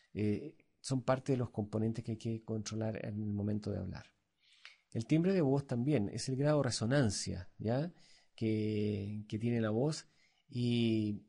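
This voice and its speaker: A man with a Chilean accent lecturing as an instructor, halting and full of fillers and tag questions. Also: fairly low pitch, vocal fry, mellow, breathy edge. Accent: Chilean Spanish. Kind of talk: recorded lecture.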